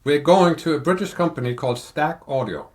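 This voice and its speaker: An older man in a casual podcast chat, explaining audio equipment in a measured, technical way. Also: on the high side. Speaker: audio reviewer guest.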